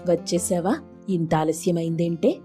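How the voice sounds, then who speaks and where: A woman's voice: fairly low pitch, steady tone, normal speed, dark tone, faint music behind, voice pushed down, lightly acted. A woman voicing an elderly village mother who scolds and fusses over her daughters in a storybook tale. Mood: homely.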